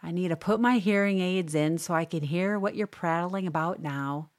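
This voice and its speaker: A woman's voice: on the low side, normal speed, dry recording, lightly acted. Woman doing a dry, teasing old husband. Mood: grumbling. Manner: gruff deadpan teasing.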